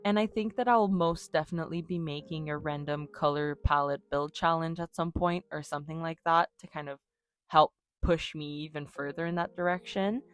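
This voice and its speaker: With no room sound, a young woman speaks in a low-pitched, fairly even voice at a moderate pace. French is her first language, and as a YouTuber she narrates her game build casually, sounding upbeat, talkative and self-deprecating.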